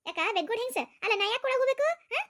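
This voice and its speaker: A woman's voice: very high voice, lively intonation, racing, fairly bright tone, exaggerated voice. A woman with a North Karnataka accent playing a bossy, taunting old mother-in-law in a village comedy sketch. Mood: defiant. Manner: taunting, domineering.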